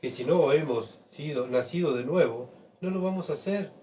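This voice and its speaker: Pastor preaching, heard from afar. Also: male voice, on the high side, moderate pace, a little hiss or hum. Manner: rhetorical questions, keeps asking the congregation "¿verdad?"; swings between soft asides and loud emphatic bursts. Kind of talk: sermon. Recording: voice picked up from far off.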